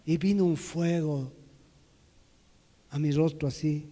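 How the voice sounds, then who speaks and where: High-voiced preacher, echoey hall. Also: male voice, steady tone, takes it slowly. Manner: storytelling, swings from loud to hushed. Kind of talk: sermon testimony. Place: church hall.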